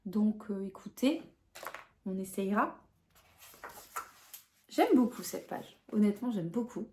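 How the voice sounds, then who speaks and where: A young adult woman chats casually to her viewers about her coloring pages. Her talk is hesitant and full of fillers and restarts, in an even, middle-pitched voice. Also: slow, a little hiss or hum. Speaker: vlogger showing her coloring books. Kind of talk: casual chat to camera.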